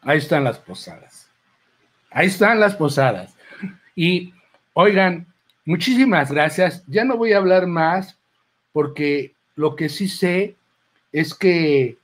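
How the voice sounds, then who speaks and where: A man with a Mexican accent, a clown, giving a chatty, rambling speech into a handheld microphone at a book presentation. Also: on the high side. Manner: rambling, chatty, full of asides and quoted lines. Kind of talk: informal speech at a book launch. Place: presentation table at an event.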